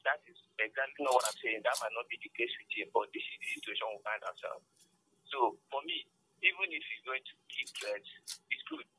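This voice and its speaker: Male caller on a clipped phone line, earnest, halting, lively pitch. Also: slight background noise. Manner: earnest, hesitant with many fillers. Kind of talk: radio call-in opinion.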